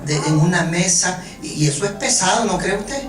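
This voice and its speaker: A preacher giving a joking, animated sermon, often stumbling over repeated words. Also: mid-range voice, crowd noise. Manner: animated, joking, halting restarts. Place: church hall. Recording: echoey room from far off, music behind.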